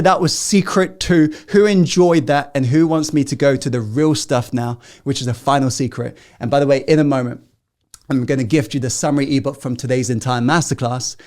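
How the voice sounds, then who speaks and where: A man with a mid-range voice leads a live motivational masterclass, shooting rhetorical questions at his listeners and shifting between loud, emphatic exhortation and hushed, confiding asides.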